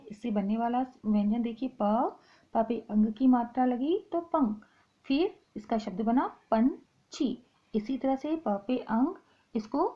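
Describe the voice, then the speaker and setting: A woman teacher going through a lesson slowly and step by step. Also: fairly high pitch, lo-fi sound. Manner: slow, explaining step by step. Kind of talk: online lesson.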